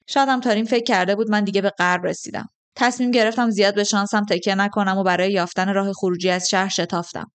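Woman narrating a novel, steady and measured. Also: mid-range voice. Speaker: audiobook narrator. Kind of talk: first-person novel narration.

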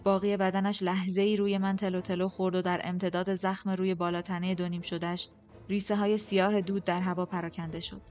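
A woman reading a first-person fantasy novel aloud as audiobook narrator, steady and dramatic, on a dull lo-fi recording. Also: lowish voice, faint music behind.

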